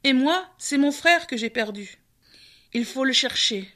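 A heartbroken young hunter from a storybook tale, anguished and pleading, as a woman narrator puts him on. The voice sits a little high and raised. It stays grieving and tender rather than harsh. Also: expressive, unhurried, fairly bright tone. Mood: sorrowful. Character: grief-stricken young male hunter who lost his brother.

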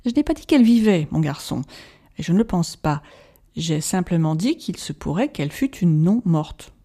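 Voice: mid-range voice, sing-song, dark tone. A reader voicing a grave old professor. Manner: solemn, measured pleading. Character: old male Dutch professor, grave and patient. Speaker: audiobook reader. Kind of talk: audiobook narration.

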